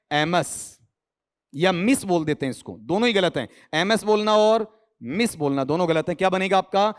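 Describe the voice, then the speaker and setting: A man from India with a fairly high, smooth voice teaches an online exam-prep English lesson. He keeps firing questions at his students, often answering them himself, and slips in teasing, joking asides.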